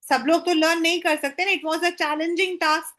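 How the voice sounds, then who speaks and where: A woman's voice: extremely high pitch, steady tone, unhurried, a bit bright. A woman teacher with an Indian accent giving a history lesson, moving between Hindi and English and drawing out the English phrases. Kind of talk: exam-prep history lesson.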